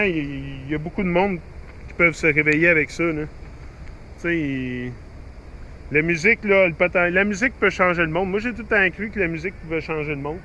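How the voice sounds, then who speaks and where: Talking to his YouTube audience, a middle-aged Québécois French-accented man delivers a loose, chatty monologue peppered with fillers, restarts and bits of English. His voice sits a little high and comes across bright and forceful, with a faint hiss or hum in the recording.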